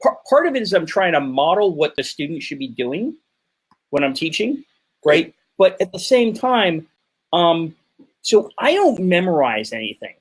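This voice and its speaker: A man's voice: a little high, sing-song, normal speed, slightly rough. A man who lectures in physics, explaining casually over a call with many restarts. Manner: rambling, restarts often.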